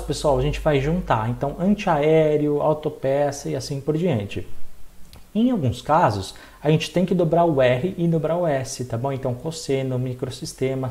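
A young man with a Brazilian Portuguese accent teaching a recorded exam-prep lesson, asking questions and answering them himself. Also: fairly high pitch. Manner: lively, asks and answers his own questions.

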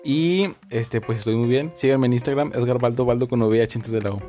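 A man's voice: mid-range voice, fairly quick, dark tone, soft background music. Hesitant man, podcast guest. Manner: hesitant, many fillers. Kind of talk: casual chat.

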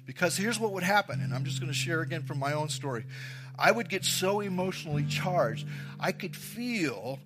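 A man's voice: on the high side, lively intonation, normal speed, music in the background. A man preaching a sermon as pastor, emphatic, repeating key phrases and addressing the congregation directly.

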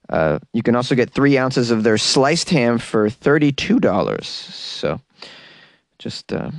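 A man's voice: mid-range voice, no room sound. A man hosts a comedy podcast in a very dry, close recording. He reads odd news casually, wry and mock-earnest, and drifts off into rambling asides.

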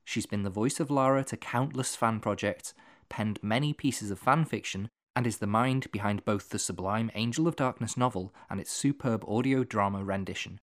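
A man's voice: fairly low pitch, moderate pace. A man hosting a podcast, welcoming his guest and introducing topics in an upbeat way. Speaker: podcast host.

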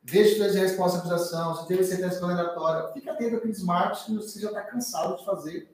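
A man's voice: high voice, steady tone, fast talker. A man teaching a live online exam-prep class in a chatty, informal way, often tagging sentences with a questioning 'tá?'. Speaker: law teacher. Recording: very echoey room, far from the mic.

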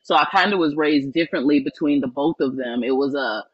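A woman from New Orleans, a spiritual life coach, telling her life story in an earnest, reflective way with many pauses and ums. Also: low-pitched, breathy edge, no echo, lo-fi sound. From New Orleans, Louisiana. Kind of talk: personal storytelling in an interview.

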